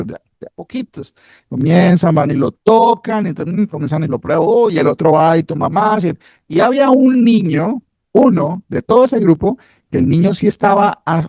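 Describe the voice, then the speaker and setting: A man's voice: high-pitched, dark tone, dry recording, clean studio sound. A man preaching a sermon in a conversational way, often asking rhetorical questions and repeating phrases for emphasis.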